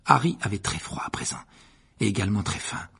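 A man reading a novel aloud as narrator, with an expressive, varied delivery. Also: fairly low pitch, fairly quick, gravelly, slightly rough. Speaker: audiobook narrator. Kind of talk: storybook reading with character voices.

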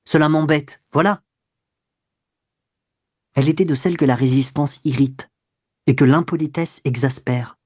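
Measured male audiobook narrator. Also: mid-range voice, breathy edge, no echo, studio quality. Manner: steady, measured storytelling. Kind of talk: scripted literary narration.

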